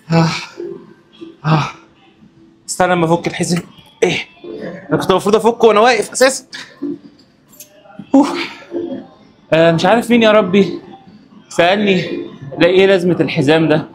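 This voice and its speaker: Egyptian man, gym vlogger, high voice, teasing banter, music behind. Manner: joking, teasing banter between sets; coaching instructions. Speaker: fitness vlogger. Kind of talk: casual workout vlog.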